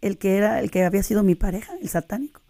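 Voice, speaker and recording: Gravelly woman sharing her testimony. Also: medium pitch, fairly even intonation, rapid-fire, mellow. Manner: earnest storytelling, addresses listeners as sisters. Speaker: guest giving a testimony. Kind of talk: emotional faith testimony on radio.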